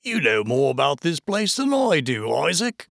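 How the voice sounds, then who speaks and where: A man voicing a gruff, surly man who answers in a curt, grumbling way. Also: fairly high pitch, sing-song, normal speed, a bit bright, no room sound, studio quality, heavily acted.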